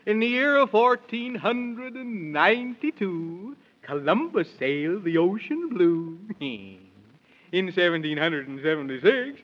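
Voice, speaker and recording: Giddy nonsense-rhyming hatter, high swoopy voice, giggly, muffled old 30s radio sound. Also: male voice, big pitch swings, measured pace, heavily acted. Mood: gleeful, teasing. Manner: giggly, sing-song rhyming delivery. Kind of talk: 1930s children's radio play acting. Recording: muffled vintage 1930s radio recording.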